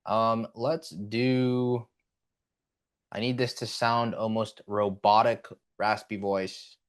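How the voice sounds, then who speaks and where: A man hosting a casual screen-recorded tutorial. He speaks in a somewhat low voice. His delivery is relaxed and full of fillers as he walks through each step. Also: slow. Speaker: tutorial host.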